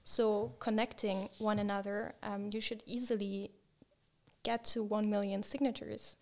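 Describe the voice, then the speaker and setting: A young woman answering in an interview, explaining in a measured way into a podcast mic. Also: mid-range voice, flat delivery, a little mellow. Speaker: guest. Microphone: podcast mic on stand, headphones.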